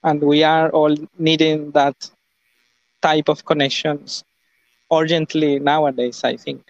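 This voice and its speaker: A man's voice: a little high, flat delivery, unhurried, no echo. A man from Venezuela, a guest artist, speaking briefly. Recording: dull dry call audio.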